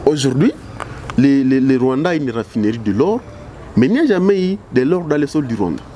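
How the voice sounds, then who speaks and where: An impassioned man with a Congolese French accent, giving his views as an interview guest. His voice is mellow and dark, and he often restarts his words. A faint hum sits behind him. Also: mid-range voice, expressive, fairly quick. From Democratic Republic of the Congo. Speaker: political analyst guest. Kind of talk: interview answers.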